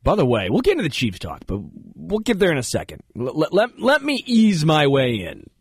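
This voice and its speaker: A man hosting a radio show from a studio, telling stories in a casual, animated way. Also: a little high, brisk, slightly rough, no echo. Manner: animated storytelling, puts on voices. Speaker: radio host. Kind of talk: casual sports radio chat. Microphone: studio mic.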